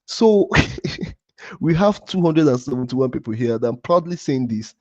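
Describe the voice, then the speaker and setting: Brief: male trading streamer, mellow dark tone, dry dull lo-fi sound, rambling and heated. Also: medium pitch, lively intonation, a little slow, dry recording. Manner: heated, swearing rant at a viewer; repetitive, restarts often. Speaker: crypto trading livestream host. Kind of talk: live stream talk to chat.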